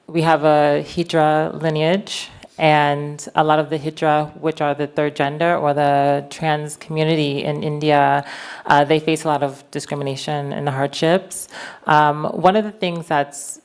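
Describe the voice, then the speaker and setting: A woman from the United States, a pageant contestant giving a measured, explanatory stage speech. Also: low-pitched, little pitch movement, smooth.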